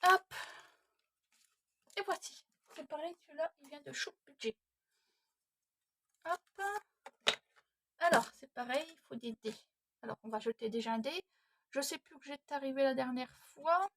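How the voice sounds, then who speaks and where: With a high-pitched, fairly bright voice and lively intonation, this woman speaks at a measured pace with long pauses, in a recording without echo. She's a 30-something budgeting vlogger casually talking to herself at home during savings challenges.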